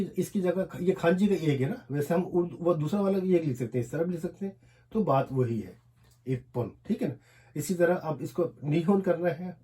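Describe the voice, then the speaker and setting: A man with an Urdu accent teaching a language lesson, explaining as he writes and repeating each word slowly, syllable by syllable. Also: a little high, mellow. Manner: repetitive, drills words slowly one syllable at a time. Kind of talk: explaining a lesson while writing on a board.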